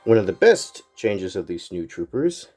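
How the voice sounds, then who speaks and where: A man with a fairly low voice talks at normal speed over soft background music, casually reviewing a toy set. He sounds blocked up and a touch nasal from a cold, and his relaxed, wandering talk is full of fillers.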